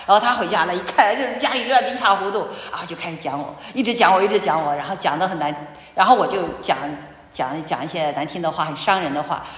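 A woman giving a personal testimony in church, telling her story with animated storytelling and acted-out dialogue. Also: lowish voice, quick pace. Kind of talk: sermon testimony. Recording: echoey hall.

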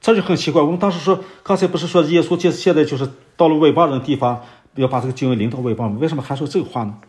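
A man delivers an expository Bible sermon, working through the verses and posing rhetorical questions. His voice is fairly high with a darkish tone, and he occasionally pauses with fillers as he hunts for references.

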